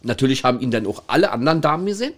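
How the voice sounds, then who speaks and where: He speaks at a rapid-fire clip with a medium-pitched, very animated voice: a middle-aged ex-toilet attendant telling chatty stories. Laughter comes often, and he checks on his listener by tacking "ne?" onto his lines.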